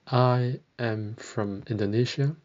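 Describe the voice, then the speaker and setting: Guy teaching a language podcast, takes it real slow, kinda muffled lo-fi audio. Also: mid-range voice, steady tone, darkish tone. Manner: slow, careful modelling of phrases, repeated twice.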